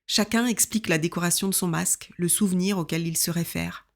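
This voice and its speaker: A woman in her fifties reading her own memoir aloud in an intimate, reflective, measured way. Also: on the low side. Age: 50s.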